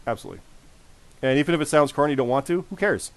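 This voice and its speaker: A man in his forties with a hoarse, worn voice, hosting a casual podcast and repeating phrases for emphasis. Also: on the high side, very fast. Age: 40s. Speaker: podcast host.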